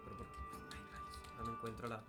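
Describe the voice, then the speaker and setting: A man's voice: medium pitch, completely flat delivery, a little fast. A young man co-hosting a casual podcast, talking loosely with slang and trailing asides. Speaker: podcast co-host. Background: faint background music.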